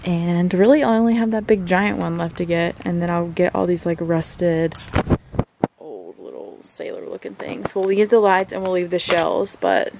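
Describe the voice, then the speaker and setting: A woman's voice: on the low side, lively intonation, normal speed, creaky. Woman, 20s, casual vlogger, rambling filler-heavy chat, camera at arm's length, noisy car background. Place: inside a car and outdoors at a campground. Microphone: handheld camera at arm's length. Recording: noisy car and outdoor ambience.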